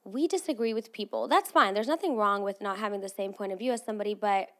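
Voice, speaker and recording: A woman's voice: medium pitch, quick pace, a bit bright. A woman in her twenties, born in Armenia with English as her third language, hosting her own podcast in a casual, chatty solo talk with frequent asides to listeners. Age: 20s. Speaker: podcast host.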